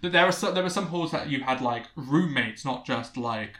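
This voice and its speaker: A man's voice: mid-range voice, lively intonation, moderate pace, a bit bright, roomy sound. A young man in casual chat, rambling and correcting himself, swearing now and then.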